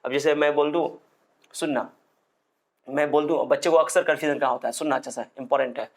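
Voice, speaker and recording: A male physics teacher lectures at a board in a drilling, repetitive way, often pressing a point with insistent emphasis. His voice sits a little higher than most men's. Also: fairly even intonation, quick pace, gravelly. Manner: repetitive, emphatic, drills students to repeat after him.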